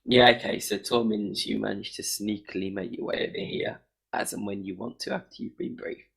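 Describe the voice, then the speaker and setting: A man acts as game master for a tabletop session. His voice is low with a gravelly creak, and he describes scenes in a halting, conversational way. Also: fairly even intonation, a bit bright. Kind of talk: improvised tabletop game narration.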